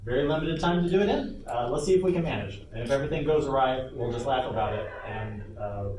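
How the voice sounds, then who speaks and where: Fast-talking and animated, with a mid-range voice, a lead game developer runs a casual workshop panel indoors at a convention, speaking off the cuff with digressions. The sound is echoey and distant, with loud noise behind him.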